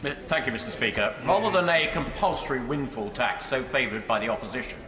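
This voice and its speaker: A man's voice: mid-range voice, quick pace, sharp tone. A man delivering a formal, prepared parliament speech as a member putting a question. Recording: echoey chamber with crowd noise.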